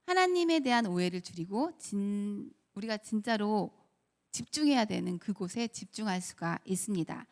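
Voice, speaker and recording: A woman preacher giving a sermon, telling stories and asking the congregation rhetorical questions. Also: fairly high pitch. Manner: acts out quoted children's voices.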